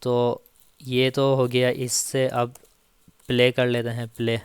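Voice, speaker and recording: A man teaching Turkish grammar in a casual spoken lesson, slowly repeating each example and checking in often with the listener. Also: mid-range voice, completely flat delivery, clean tone, dry recording. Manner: slow, repeats each example with frequent "theek hai".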